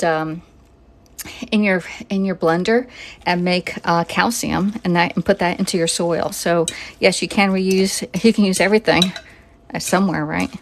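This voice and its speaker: A woman's voice: on the low side, slight background noise. Chatty woman. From Northeast Pennsylvania. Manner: chatty, greets viewers by name, rambling asides. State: a little out of breath. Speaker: home cooking livestream host. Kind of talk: casual live cooking stream. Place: home kitchen, indoors. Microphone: phone camera.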